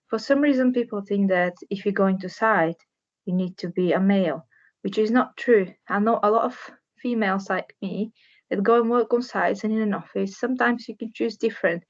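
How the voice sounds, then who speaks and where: A woman's voice: medium pitch, normal speed, muffled recording. A young woman from Bulgaria, a structural engineer, giving an earnest career talk to students, plain and searching for words at times.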